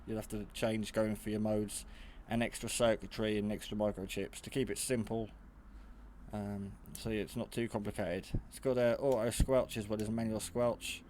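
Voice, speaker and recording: In a garage, a man with a lowish, darkish voice casually demonstrates a product like a hobbyist reviewer explaining how it works. He's matter-of-fact and slightly hesitant, rambling from point to point in a level tone at a moderate pace, with slight background noise.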